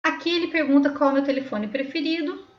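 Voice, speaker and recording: This tutorial host has a high voice and a São Paulo accent, talking at a quick pace as she patiently voices over a step-by-step screen tutorial. She frequently checks in with the viewer, and the sound is roomy, somewhat dull and a bit muffled.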